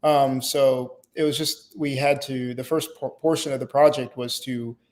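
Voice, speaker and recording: Young man, teen, from Haiti, hesitant, halting answers, interview guest. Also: medium pitch, little pitch movement. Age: teens. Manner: hesitant, with fillers and restarts.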